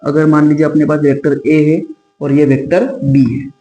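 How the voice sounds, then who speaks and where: A man's voice: fairly high pitch, flat delivery, normal speed, dark tone, reverberant, faint music behind, low-quality recording. A man teaching physics at a whiteboard, who asks questions and answers them himself and calls his students kids. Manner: addresses students fondly as kids. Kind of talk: classroom whiteboard lecture. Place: classroom with a whiteboard.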